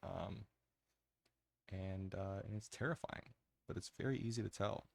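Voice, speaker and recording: A man's voice: steady tone, unhurried, dry recording. A man giving casual, rambling ASMR gaming commentary in a hesitant way, close to the mic. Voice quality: low, gravelly.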